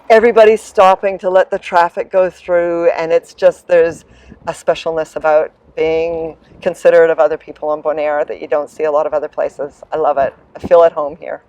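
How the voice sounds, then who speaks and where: A woman's voice: fairly low pitch, steady tone, normal speed, low-quality recording. Middle-aged woman from new zealand, chatty and upbeat, being interviewed, gushing a bit. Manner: enthusiastic, upbeat, warm promotional tone. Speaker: land sailing business coordinator, guest. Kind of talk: interview answers.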